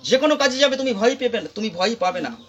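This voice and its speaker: A man's voice: extremely high pitch, animated, fast, a bit bright, lo-fi sound. A man with a Bengali accent, preaching a sermon as pastor, repeating phrases for emphasis. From India. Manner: repetitive, emphatic preaching with rising calls.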